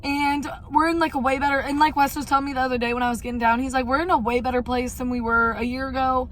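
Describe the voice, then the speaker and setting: High-voiced young woman, casual vlog chat. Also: level tone, quick pace, fairly bright tone. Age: young adult. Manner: candid, rambling, mild swearing. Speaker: vlogger. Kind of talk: casual chatty life-update vlog.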